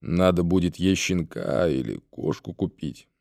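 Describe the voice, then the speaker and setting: A man voicing a gruff, dryly joking middle-aged man in an audiobook. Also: low voice, lively intonation, measured pace, a little mellow, no echo, clean studio sound, voice pushed down, full character voice.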